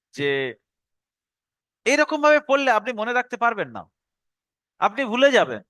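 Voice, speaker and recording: Bright, high-voiced man teaching a lesson. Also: smooth, no room sound. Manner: explanatory, repeats instructions, slows to recite verses. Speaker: Quran teacher. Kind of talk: online tutorial lesson.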